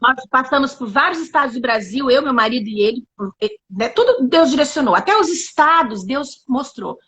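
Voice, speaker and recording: A Brazilian woman appears as a guest in a casual interview, sharing her testimony as an animated storyteller who acts out the dialogue. Her voice sits high, slightly rough, at a moderate pace.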